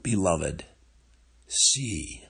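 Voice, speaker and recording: An elderly man with a low, frail, breathy and gravelly voice offers a gentle, contemplative devotional reflection on scripture. His pitch swings widely, and he leaves long pauses.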